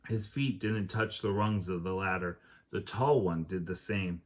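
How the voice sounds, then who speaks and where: An adult man, a teacher, reads a children's adventure book aloud in a fairly low voice, a little slowly. He tells the story expressively and acts out each character's lines.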